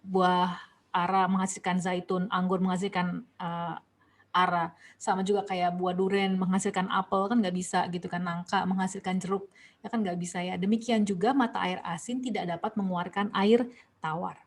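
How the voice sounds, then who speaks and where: A woman's voice: fairly low pitch, steady tone, moderate pace. A young woman with an Indonesian accent leading an online Bible study discussion, asking questions and reading verses aloud. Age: young adult. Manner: questioning, reads verses aloud, many restarts.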